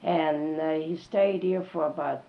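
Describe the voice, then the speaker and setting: Elderly woman, low gravelly voice, halting reminiscence, repeated phrases, dull tape. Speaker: oral history interviewee. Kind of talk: casual reminiscing in an interview. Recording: dull, lo-fi tape with faint noise.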